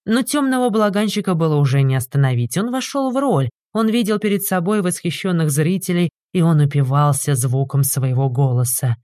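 A woman narrating an audiobook in a lively, mocking manner. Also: low voice, fairly quick, hardly any pauses, dry recording, clean studio sound.

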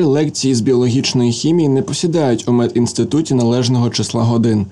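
A man reading the part of a condescending professor who speaks in a measured, dry, lecturing way. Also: medium pitch, warm tone, lightly acted.

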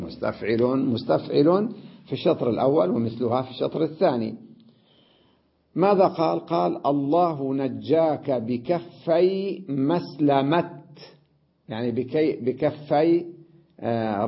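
A male teacher gives a grammar lesson in a steady, mid-pitched voice. He explains with patient repetition and slows to a drawn-out chant when he recites lines of verse. The recording sounds dull and lo-fi. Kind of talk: classroom lecture.

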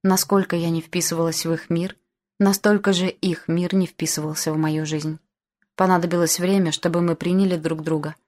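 A woman reads an audiobook in the first person, with calm and even storytelling. Her voice sits a little low. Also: moderate pace. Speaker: audiobook narrator.

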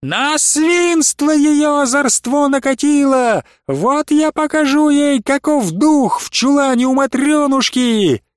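Male narrator playing a domineering older nun, loud and scolding, raised pitch, dry close sound. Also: expressive, moderate pace, gravelly, hardly any pauses, dry recording, heavily acted. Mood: angry scolding. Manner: loud, scolding, barking orders. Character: stern bossy older nun, woman, domineering.

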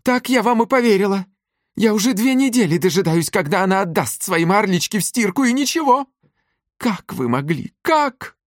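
A man reading an audiobook, voicing a fierce old working-class mother who shouts and scolds. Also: lowish voice, sing-song, a little fast, no room sound, studio quality, pitched above the performer's own voice. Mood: furious.

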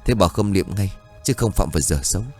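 Give me a man playing a calm, reassuring son with a deep voice. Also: fairly quick, faint music behind.

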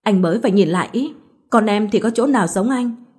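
A woman's voice: mid-range voice, lively intonation, fairly quick, darkish tone, slightly rough. Woman narrator doing sulky young new mother, pouting, storybook reading. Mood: quarrelsome.

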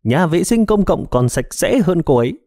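A man's voice: a little high, big pitch swings, normal speed, warm tone, dry recording, studio quality, pitched above the performer's own voice. Man voicing a sneering cruel female alter ego. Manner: sneering, taunting.

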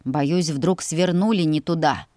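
Tired grumpy dad in a storybook, a lady reading him, low-key, dry close sound. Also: a little slow, mellow, no echo. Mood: weary. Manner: grumbling, weary. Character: gruff worried noble father, middle-aged.

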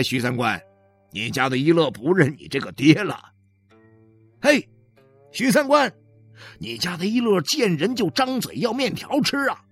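A man's voice: high voice, husky, voice pushed up, full character voice. A man voicing gossipy townspeople who nag a father about his runaway son. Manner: nagging, gossipy.

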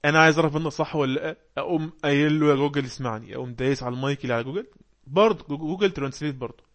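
A man with an Egyptian accent teaching an English class online, explaining words and quizzing the class with quick questions. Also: on the high side. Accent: Egyptian Arabic. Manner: reads English passages slowly.

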